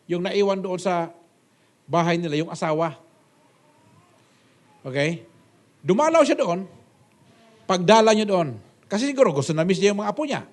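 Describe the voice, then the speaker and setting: A man preaching a sermon as pastor, with emphatic rhetorical questions and sudden loud exclamations. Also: animated, moderate pace, long pauses. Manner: swings between loud high exclamations and low quiet asides.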